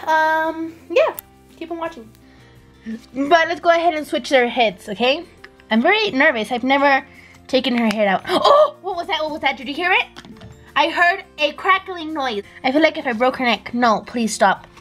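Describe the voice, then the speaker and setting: High-voiced excitable woman vlogger. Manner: excitable, gasping and fretting while handling dolls. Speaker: doll vlogger. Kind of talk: casual vlog chat.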